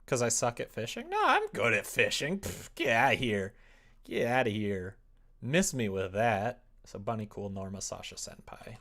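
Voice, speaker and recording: Sitting at his computer desk indoors, a young man livestreams while writing a visual novel, muttering to himself as he types and then answering viewers more brightly. His voice is fairly low yet fairly bright, sing-song, at a normal speed.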